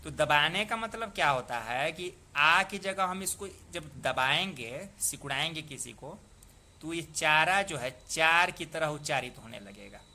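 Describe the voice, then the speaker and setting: A man teaching the rules of poetic meter in a patient lesson, repeating words and sounding them out slowly. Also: a little high, expressive, sharp tone. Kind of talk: explanatory lesson.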